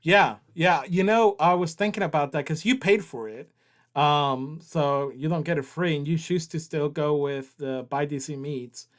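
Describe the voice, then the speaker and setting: Here the same Southern livestream host speaks at a moderate pace in a slightly high voice, reading chat messages aloud and joking around casually.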